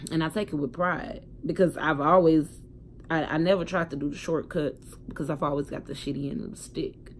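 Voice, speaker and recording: A young female vlogger tells a personal story casually to her phone camera, speaking frankly, emphatically, and with plenty of swearing. Her low voice is fairly quick with fairly even intonation, yet she shifts between loud outbursts and quiet reflections. A faint hiss lies beneath her voice.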